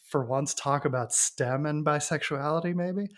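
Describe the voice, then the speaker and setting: A man's voice: on the high side, moderate pace, a bit bright. A man hosting a podcast, introducing and questioning a guest in a friendly way, often laughing. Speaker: podcast host. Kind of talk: interviewing a guest.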